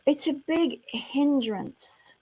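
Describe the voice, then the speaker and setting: A woman's voice: high-pitched, very slow, dark tone. A middle-aged woman from France with an American accent, a therapist talking frankly and reassuringly in a casual interview, with many "you know" fillers. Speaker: sex therapist guest.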